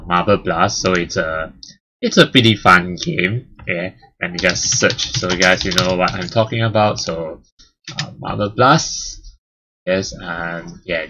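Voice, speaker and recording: A man with a deep voice and sharp tone, whose first languages are English and Chinese, hosts a casual milestone chat about his channel's history. He rambles with lots of fillers and restarts.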